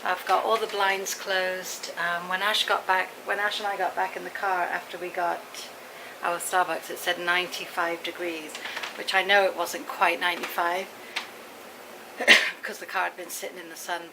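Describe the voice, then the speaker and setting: Gravelly middle-aged woman, chatty. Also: fairly low pitch, little pitch movement, moderate pace, noisy background. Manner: rambling, anecdotal. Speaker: vlogger. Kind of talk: casual chatty vlog to viewers.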